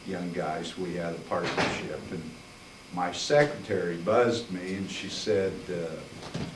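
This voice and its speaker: An older man recounting his memories in a rambling public talk, full of fillers and throat clearing, heard from a distance in a library meeting room. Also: deep voice, slow pace. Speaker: guest speaker, attorney. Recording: roomy, distant, faint hiss.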